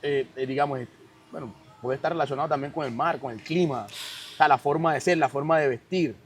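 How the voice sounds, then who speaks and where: A man's voice: medium pitch, brisk, faint music behind. A man with a Caribbean Spanish accent from Cartagena, Colombia, explains things conversationally and emphatically, often checking that his listener follows. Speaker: podcast guest.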